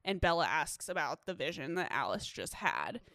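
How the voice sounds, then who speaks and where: A woman's voice: low voice, sing-song, normal speed, creaky, sharp tone, no echo. A woman co-hosting a podcast, recapping a film in casual chat, swearing and filling with "um" and "like". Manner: swearing, filler-heavy, recapping scenes. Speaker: podcast co-host.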